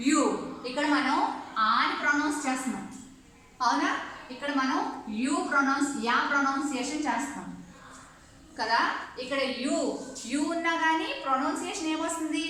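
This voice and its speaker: A woman teaching a class, her high, bright voice going through each point step by step and often asking whether students are following. The room is very echoey, with a faint hum of background noise. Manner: explains step by step, often checking with "okay?". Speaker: English teacher. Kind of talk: online class lesson.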